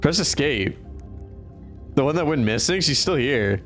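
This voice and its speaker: A man streaming a horror game live, reacting excitedly and laughing often. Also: medium pitch, measured pace, soft background music. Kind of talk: live gaming commentary.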